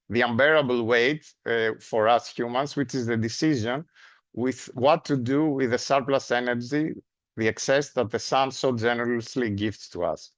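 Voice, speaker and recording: Speaking in a seminar, this Greek-accented academic lectures steadily, sprinkling in "uh" and closing his points with a questioning "no?". The medium-pitched voice has no room sound, and the audio is dry and muffled, lo-fi in quality.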